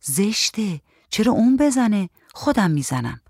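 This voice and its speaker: A man reading a story aloud and voicing a sharp-tongued young wife with curt, quick retorts. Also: high voice, animated, no room sound, studio quality, pitched above the performer's own voice.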